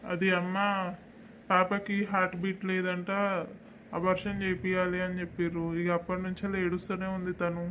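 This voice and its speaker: A man with a Telangana accent playing a weary young village husband who speaks quietly. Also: high-pitched, monotone, normal speed, a little hiss or hum. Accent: Telangana Telugu. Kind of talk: village comedy skit acting.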